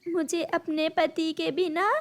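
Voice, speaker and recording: Cartoon: woman as mournful widowed sparrow mother, high and slow. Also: gravelly, full character voice. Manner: mournful, tearful. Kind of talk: cartoon storybook voice acting.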